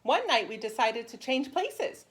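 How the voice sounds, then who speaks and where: A woman reads aloud for young children in a fairly high, very lively voice at a measured pace. She keeps her language simple, explains as she goes, and stresses words expressively like a preschool teacher.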